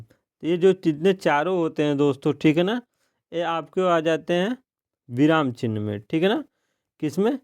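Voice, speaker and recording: A man teaching a grammar lesson for exam preparation, often checking in with a rising "okay?" and slowing down to read out examples. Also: a little mellow. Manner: keeps asking "ठीक है ना" in a rising tone, addresses viewers as friends; slows down and drops pitch to read out example sentences.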